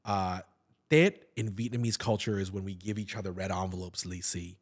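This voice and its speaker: Guesting on a podcast, an actor and comedian in his thirties talks at a moderate pace in a slightly low voice. The relaxed interview is captured close and clean by a boom-stand studio mic, while he stays animated, stumbling over repeated words and restarting lines.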